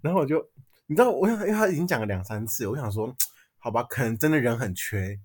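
Young man, Taiwanese Mandarin accent, podcast host, rapid excitable venting, pitch swinging widely. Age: young adult. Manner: animated, complaining, frequent laughter. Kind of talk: casual chat.

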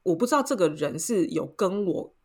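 A young woman with a Taiwanese Mandarin accent, co-hosting a podcast and telling a story in a casual, lively way, acting out voices as she goes. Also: fairly low pitch, moderate pace. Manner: animated, acts out voices in her story. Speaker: podcast co-host.

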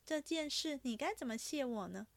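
A woman voicing a clever young maidservant who teases and playfully scolds in a lively, rather high voice. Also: moderate pace, vocal fry, dry recording. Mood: teasing.

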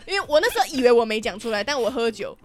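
A woman's voice: on the high side, big pitch swings, rapid-fire. A young woman hosting a podcast, telling stories bluntly with swearing and laughter. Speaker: podcast host. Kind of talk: casual storytelling chat.

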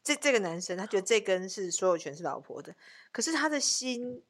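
A woman co-hosting a frank, animated relationship chat and telling stories. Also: medium pitch, brisk. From Taiwan. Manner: animated storyteller, bursts of laughter. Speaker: co-host, tarot reader.

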